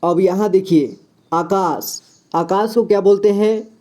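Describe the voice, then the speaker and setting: A man's voice: high voice, steady tone, a little slow, mellow. A man teaching a Hindi vocabulary lesson, listing words one by one and checking in with "ठीक है" after each point.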